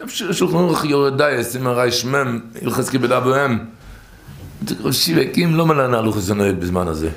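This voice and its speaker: A man telling stories from religious teachings in an informal, animated way, his voice leaping high and then dropping low. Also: moderate pace, vocal fry. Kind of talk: informal storytelling talk. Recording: echoey room.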